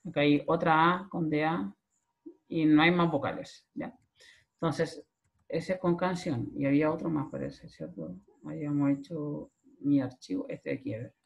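A man's voice: fairly high pitch, moderate pace, vocal fry, highs cut off. A male programming lecturer with a Chilean accent, explaining step by step and checking in with a frequent "¿ya?". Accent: Chilean Spanish. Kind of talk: recorded screen-share class.

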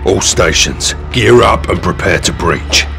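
An actor playing a hardened special forces operative, speaking in clipped, commanding military game dialogue. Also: male voice, deep voice, expressive, a little slow, gravelly, over music, full character voice. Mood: clipped, focused. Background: loud game score.

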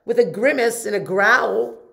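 A woman voicing a gentle male jellyfish in a picture book who mildly chides a grumpy friend. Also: a little high, measured pace, creaky, pitched above the performer's own voice, heavily acted. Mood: gently chiding.

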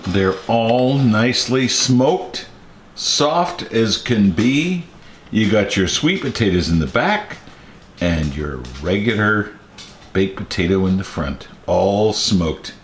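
Slow, lively in intonation and rather low, the voice belongs to a man in his 60s, with a little hiss or hum audible. He hosts a home cooking channel and guides a casual video through his home kitchen and backyard patio, folksy and quick with a joke.

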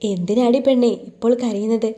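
A woman's voice: on the high side, steady tone, brisk, dark tone, lightly acted. A woman voicing a teasing, devoted young husband. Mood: tender. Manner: playful teasing turning earnest.

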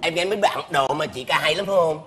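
A man's voice: a little high, fast talker, music in the background. A man acting in comedy sketches with joking, playful banter.

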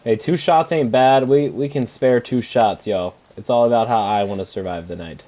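A man's voice: mid-range voice, normal speed, warm tone. A man streaming a horror game with live commentary, sounding scared and panicky, in casual slangy talk with swearing.

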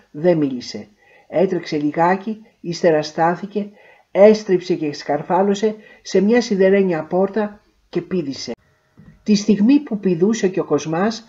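A woman narrating a literary short story in a measured, expressive way. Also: fairly low pitch, highs cut off.

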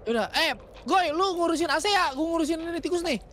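High-voiced young man panicking mid-game. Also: quick pace, fairly bright tone. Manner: panicky pleas for help. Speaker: gaming friend. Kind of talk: casual co-op gaming chat. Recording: faint background noise.

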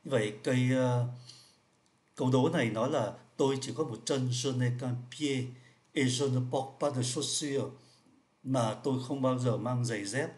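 A man's voice: medium pitch, a little mellow. Patient man explaining French riddles. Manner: patient, repeats each point, slows down for French words. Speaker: French teacher.

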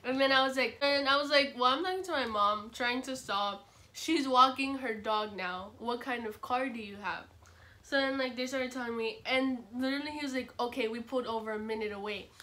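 High, bright giggly young woman. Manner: giggly, quick to quote others. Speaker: friend of the host. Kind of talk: casual storytime chat.

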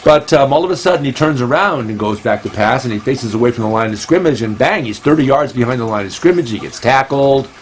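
A man's voice: medium pitch, animated, quick pace, few pauses, slight background noise, rough recording. A man hosting a comedy show, rambling and meandering as he talks, recorded on a phone at home. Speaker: host. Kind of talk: comedic monologue.

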